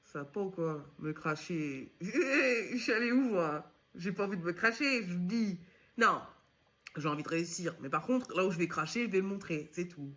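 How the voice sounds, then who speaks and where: Her voice is on the low side but a bit bright, expressive, and moderately paced. She's a vlogger and fledgling entrepreneur from Lyon, France, chatting straight to camera in a rambling, self-mocking way as she hops between subjects.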